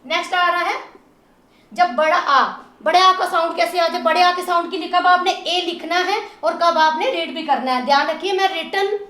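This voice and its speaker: A woman teaching English phonics, stretching sounds slowly and spelling words letter by letter. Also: extremely high pitch, bright, forceful tone, echoey room. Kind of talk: phonics lesson.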